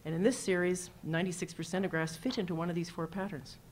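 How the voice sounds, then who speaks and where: A woman's voice: on the low side, fairly even intonation, fast, darkish tone, a little hiss or hum. A woman surgeon giving a conference talk, casual and anecdotal as she walks through slides full of numbers. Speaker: cardiac surgeon presenting at a symposium. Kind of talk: conference presentation.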